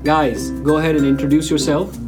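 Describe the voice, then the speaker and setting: A man with a slightly raised voice hosts a podcast discussion, speaking in a measured, formal way. Faint guitar music plays underneath him. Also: fairly high pitch, little pitch movement. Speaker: podcast host.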